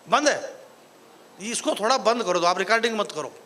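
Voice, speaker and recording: A man's voice: sits high, lively intonation, normal speed, sharp tone. A man from Rajasthan, a comic poet joking with a live audience from the stage and then declaiming verse. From Marwar, Rajasthan. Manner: jokey banter with the audience, rising into declaiming verse. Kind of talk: live stand-up poetry recital.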